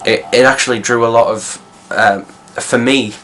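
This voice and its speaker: A man's voice: medium pitch, fairly even intonation, moderate pace, a bit bright, a little hiss or hum. A young man giving a casual, rambling spoken movie review, full of fillers and restarts. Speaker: film reviewer.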